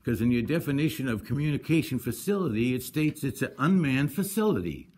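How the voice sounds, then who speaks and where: A man defends himself against a code violation at a public hearing, his testimony argumentative, combative and insistent, with much repetition. He talks fairly quickly in an animated, medium-pitched voice with a darkish tone.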